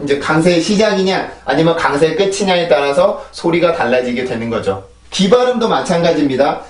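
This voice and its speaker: Patient higher-voiced man teaching pronunciation. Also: roomy sound, distant mic. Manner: explains patiently, repeating drill words three times. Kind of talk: recorded video lesson, explaining and modeling sounds.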